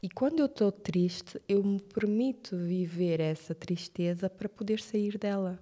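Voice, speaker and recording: A young woman from Verde, speaking as a guest in a relaxed, reflective podcast interview. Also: medium pitch, a little slow. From Cape Verde. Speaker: guest, TV presenter.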